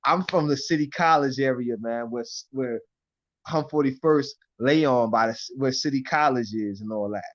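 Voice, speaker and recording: A man's voice: medium pitch, normal speed, dull audio. A man with a New York accent mixed with Florida, chatting casually with his live-stream audience in loose street slang, cursing a lot and repeating "you know what I mean.". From Harlem, New York. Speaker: live-stream host answering chat. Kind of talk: casual chat.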